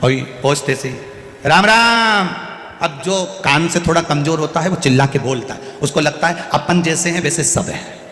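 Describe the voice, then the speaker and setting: A man giving an animated, humorous devotional sermon to a large gathering. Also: a little high, fairly quick, a little hiss or hum. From Sehore, central India. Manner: lively, animated, humorous storytelling. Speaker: kathavachak. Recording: echoey hall with faint music.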